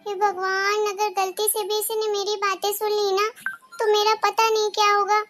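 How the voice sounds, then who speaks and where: A woman's voice: extremely high pitch, flat delivery, normal speed, loud music behind the voice. A woman voicing a meek young stepdaughter. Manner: soft, meek and anxious. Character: gentle, worried young woman, mistreated stepdaughter.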